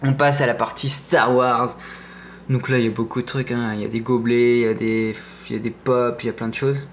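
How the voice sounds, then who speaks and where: A man's voice: medium pitch, little pitch movement, brisk, slight background noise. A young man with a French accent giving a casual, rambling tour of his gaming room, hesitating often and joking about his collectibles. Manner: rambling, lots of hesitations and self-corrections; playful and enthusiastic about collectibles. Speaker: gaming streamer showing his setup.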